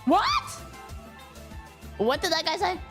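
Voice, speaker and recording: A woman streamer chatting casually with her viewers, giggly and excitable, laughing often and thanking donors. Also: extremely high pitch, slow pace, faint music behind. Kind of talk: casual live-stream chat.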